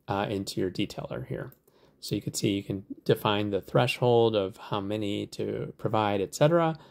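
Low gravelly guy doing a chill screen tutorial, lots of uh's and right's. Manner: relaxed, conversational, many fillers. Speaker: tutorial host. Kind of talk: software tutorial walkthrough.

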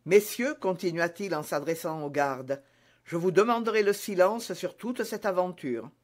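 A man's voice: sits high, normal speed. A man voicing a young impetuous musketeer hero, speaking with urgent earnestness in a storybook reading.

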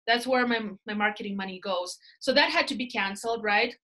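Brisk and medium-pitched, a woman in her thirties with a Russian accent and a crisp, bright voice tells animated stories as a guest in a casual interview. She leads a real estate team, talks with her hands and tags her sentences with "right?" The conversation happens on a laptop webcam call in a small indoor room.

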